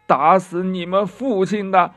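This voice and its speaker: A man voicing a scheming old widow in a children's storybook reading, with a shrill, insistent accusing manner. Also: fairly even intonation, measured pace, a bit bright, soft background music. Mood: spiteful. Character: scheming old widow lying to her sons.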